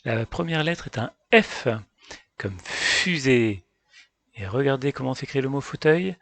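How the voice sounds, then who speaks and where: A man teaching a phonics lesson for young children, calmly addressing parents and carefully sounding out each letter. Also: medium pitch, unhurried, vocal fry. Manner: addresses parents directly, calm and patient.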